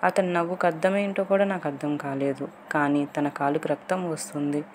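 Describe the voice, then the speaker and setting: A woman narrating a first-person love story in a calm, measured storytelling voice. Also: sits low, slight background noise.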